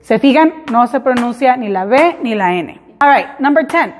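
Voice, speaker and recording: A woman teaching a class, explaining slowly and repeating example words in English. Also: on the high side, animated, slight background noise. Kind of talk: classroom lesson. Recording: hall reverb.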